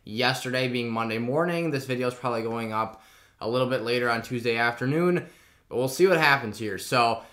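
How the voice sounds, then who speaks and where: A man's voice: medium pitch, brisk, fairly bright tone. A man hosting a casual fantasy football draft video, talking with a sore, swollen mouth after having his wisdom teeth out. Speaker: video channel host.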